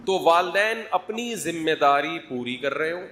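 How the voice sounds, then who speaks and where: A middle-aged man delivers a sermon in a chatty, humorous way. He keeps prodding his listeners for answers, and his voice sits a little high for a man. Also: lively intonation, bright, forceful tone. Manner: conversational, humorous, prods the audience for answers. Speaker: religious scholar.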